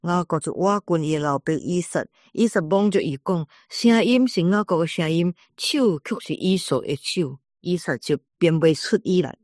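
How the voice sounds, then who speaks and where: A reader reciting a scripture passage aloud in a steady, measured way. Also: mid-range voice, dry recording, clean studio sound.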